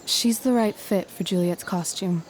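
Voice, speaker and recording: A woman playing a poised, persuasive teenage girl who acts on stage in a video game, with a measured theatrical manner. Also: mid-range voice, slight background noise, natural voice. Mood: coaxing. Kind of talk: video game acting, Shakespearean stage delivery.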